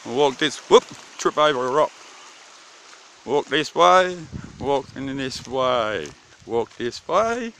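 An Australian camper films a tour of his bush campsite on a handheld phone or camera, speaking in an expressive, mid-range, slightly bright voice, slowly and with long pauses. He jokes, uses slang, and swears freely throughout the casual video. Background noise is clearly audible outdoors.

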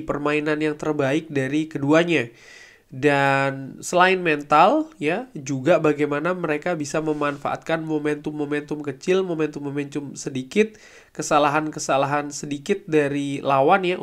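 A man, hosting a casual football review at a desk mic in a small room at home, talking conversationally with many fillers. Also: on the high side. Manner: conversational, filler-heavy, paraphrasing quotes. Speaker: football channel host. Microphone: desk microphone.

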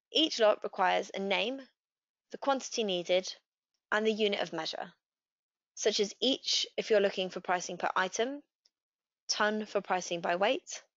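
A woman gives a scripted software walkthrough in a steady, clear voice. The recording is dry, with no room sound. It is also a little dull in tone. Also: medium pitch, no echo. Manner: steady, clear step-by-step instruction. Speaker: customer success manager. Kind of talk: scripted software tutorial narration. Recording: dry, slightly dull voice-over.

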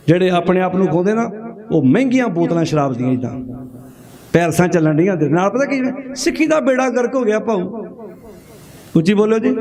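Man, Punjabi accent, high voice, fiery sermon, crowd audible behind. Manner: fiery, rhetorical questions, urging the crowd to answer. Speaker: Sikh preacher. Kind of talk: sermon to a congregation. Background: congregation.

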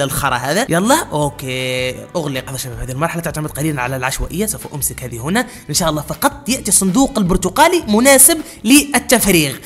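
A man hosting a gaming channel, giving excited gameplay commentary, frantically urging himself on against the clock and bursting into high shouts.

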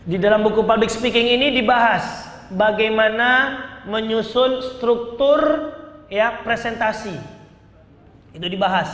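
A man, teaching public speaking at a seminar. He quizzes the audience and acts out examples in a lively way. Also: sits high. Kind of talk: seminar talk to a live audience. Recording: echoey hall with long reverb.

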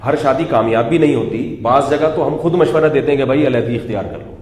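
A man giving a conversational religious lecture, animated, putting rhetorical questions to his audience and joking now and then. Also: mid-range voice. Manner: humorous asides that draw laughter. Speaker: Islamic scholar giving a weekly talk. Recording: echoey hall with faint background noise.

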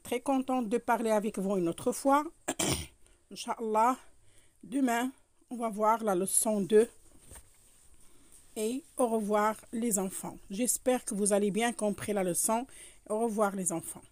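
A woman teaches young pupils in a slow, patient voice of middle pitch. She repeats each point and checks in with a quick "hein". The sound is dry, with no room echo. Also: darkish tone. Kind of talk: French lesson for children.

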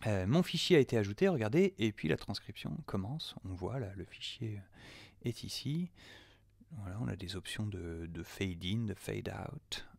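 A man's voice: fairly low pitch, animated, normal speed, gravelly, a little mellow, dry recording. A man from France, an audio producer, casually testing an app on screen, chatty with lots of fillers and muttered asides. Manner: chatty, many "euh" fillers, mutters asides half under his breath. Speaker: audio producer demoing software. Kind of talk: casual screen-recorded software test.

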